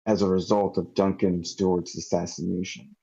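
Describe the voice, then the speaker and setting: A man reading the part of a well-spoken male narrator in his late thirties at a script table read, with a measured, formal delivery over dull, lo-fi online call audio. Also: sits low, flat delivery, vocal fry, mellow, breathy edge, heavily acted. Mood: solemn. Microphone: computer mic in an online meeting.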